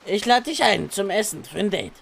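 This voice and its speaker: A man's voice: high-pitched, very animated, a little fast, gravelly, a bit bright, slight background noise, full character voice. A man playing a brash, crude street hustler who teases everyone with vulgar jokes in a game roleplay. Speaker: roleplay streamer.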